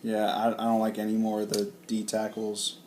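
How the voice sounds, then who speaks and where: Animated man in casual sports chat. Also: on the low side, moderate pace, slight background noise. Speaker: co-host.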